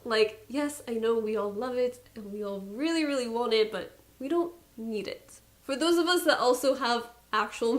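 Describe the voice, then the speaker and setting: Chatty young woman beauty vlogger. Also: on the high side. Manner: chatty and candid, playful emphasis, self-mocking asides. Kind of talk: casual chat to camera.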